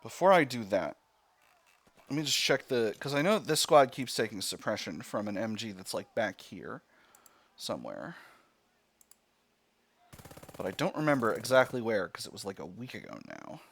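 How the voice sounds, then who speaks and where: A man's voice: fairly low pitch, very animated, moderate pace, vocal fry, long pauses. A man hosting a video game let's play, thinking aloud as he talks through each decision step by step with mild exclamations.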